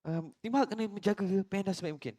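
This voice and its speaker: A man's voice: sits high, fast, mellow. A man with a Malaysian accent giving live analytical esports commentary in wordy, explanatory sentences.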